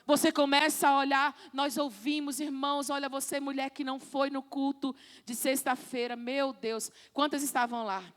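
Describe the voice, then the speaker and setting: A woman's voice: high voice, steady tone, moderate pace, few pauses, a bit bright. A woman pastor with a Brazilian Portuguese accent, preaching a fervent sermon and calling out to the congregation in a church. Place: church sanctuary. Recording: long church-hall reverb.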